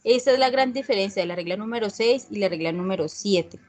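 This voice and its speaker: A woman teaching an English class, explaining spelling rules step by step and checking often that students follow. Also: medium pitch. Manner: slow and patient, often checking with a questioning "¿sí?"; reads English examples slowly and deliberately.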